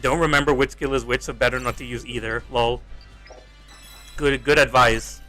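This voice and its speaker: Playing a mobile game live, a young Australian gaming streamer rambles to his viewers, exasperated, swearing and saying things over again. He has a medium-pitched, steady voice at a moderate pace, pushed and bright, with faint music in the background.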